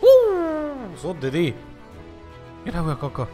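A young man with an Egyptian accent, commentating his own football video game play in lively, teasing outbursts. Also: medium pitch, very fast, music in the background. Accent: Egyptian Arabic. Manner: animated, shouting at the game, teasing. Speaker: gaming YouTuber. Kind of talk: excited gameplay commentary.

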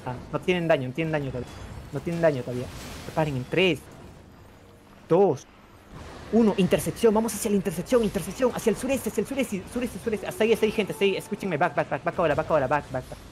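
Guy rattling off raid calls super fast, repeats everything, faint noise behind. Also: on the high side, a little mellow. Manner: rapid repetitive commands. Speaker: raid caller. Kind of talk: shouted battle commands over voice chat.

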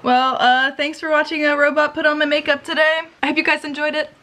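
A woman's voice: sits high, little pitch movement, brisk, bright, forceful tone. A young woman chatting casually in a vlog, laughing often and joking sarcastically at herself. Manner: giggly, self-mocking, sarcastic. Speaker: vlogger.

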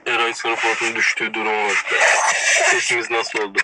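A man's voice: on the low side, little pitch movement, fairly quick. A man bantering casually on a live stream from inside a car. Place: inside a parked car at night. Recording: very noisy, distant phone live-stream audio.

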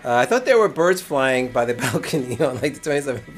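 Tipsy brooklyn guy streaming pinball, jokey and loud, voice bouncing all over, game music faint behind him. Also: medium pitch, big pitch swings, fast talker. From Brooklyn, New York. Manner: joking, laughs often, shouts out viewers. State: a little tipsy from cider. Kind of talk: casual live-stream commentary.

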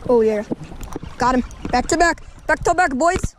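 A man filming himself fishing in a river with an action camera, chatting casually and shouting whenever a fish bites. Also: extremely high pitch, moderate pace. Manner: excitable, shouts when fish are hooked. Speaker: angler filming a fishing trip. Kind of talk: casual excited chat. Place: outdoors standing in a river. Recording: outdoor camera audio with river noise.

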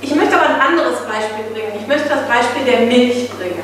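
High-voiced woman, distant in hall. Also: a little fast. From Bavaria. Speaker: audience member. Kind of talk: question from the audience. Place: large gallery hall. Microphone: far from the mic. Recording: distant, echoey hall with crowd.

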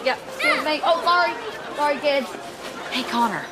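A woman's voice: high-pitched, very animated, over a noisy crowd. A bubbly teasing teen girl. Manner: bubbly, quick, teasing, often laughing. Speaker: sitcom lead. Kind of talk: sitcom acting. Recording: TV sitcom with laugh track and music. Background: studio audience laughter and music.

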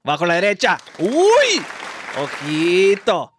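A Mexican man hosting a live stream, calling followers and giving teasing, rapid play-by-play commentary. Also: high voice, sing-song, a bit bright, a faint crowd, slight background noise. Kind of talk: lively live-stream phone game commentary.

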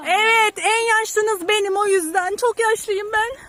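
A woman teacher with a very high voice leads her class along a street and through gardens. She asks the children question after question as they walk. A crowd of children chatters close around her. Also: steady tone, a little slow. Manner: talking while walking, tired. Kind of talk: guiding a class on a nature walk.

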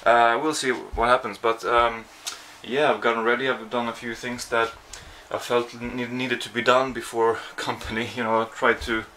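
His mid-range voice barely moves in pitch, flowing at normal speed with few pauses, bright and forceful. The young Swede, speaking with a Swedish accent, is casually vlogging from his small apartment on a handheld camera at arm's length, rambling and self-deprecating, with slight background noise.

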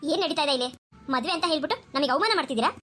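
A woman voicing a proud, quarrelsome middle-aged mother of the groom in a cartoon, loud and indignant. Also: high-pitched, animated, very fast, voice pushed down. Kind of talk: cartoon voice acting.

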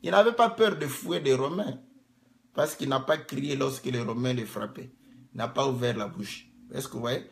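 A man preaching a sermon, rising to loud emphatic peaks, acting out cries of pain and asking the congregation rhetorical questions. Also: mid-range voice, moderate pace, creaky. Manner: acts out cries of pain to make a point; asks the audience rhetorical questions.

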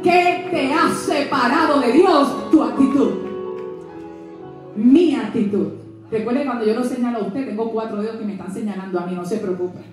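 High-voiced woman preaching in an echoey church. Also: moderate pace. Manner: lively, humorous, asks the congregation questions. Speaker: pastor. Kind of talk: sermon. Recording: echoey church from far off, music behind.

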